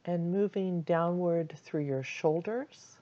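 Woman meditation guide: low, very slow, soothing delivery, slightly muffled recording. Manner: calm, soothing, unhurried instructions with long pauses.

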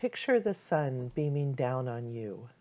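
A woman leading a guided meditation in a calm, soothing voice, giving gentle instructions with long pauses. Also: extremely low pitch, highs cut off.

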